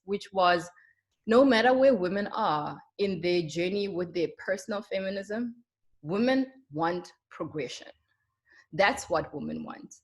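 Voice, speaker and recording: A young woman with a South African accent gives a webinar presentation as a marketer. She speaks earnestly and with emphasis, often filling pauses with ums, at a mid pitch typical for a woman. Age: young adult.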